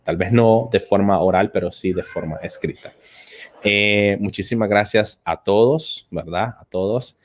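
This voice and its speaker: A man's voice: fairly low pitch, measured pace. A man hosting a live-stream English lesson, answering viewer comments in a hesitant way, with many filler sounds and repeated words. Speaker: English teacher and host.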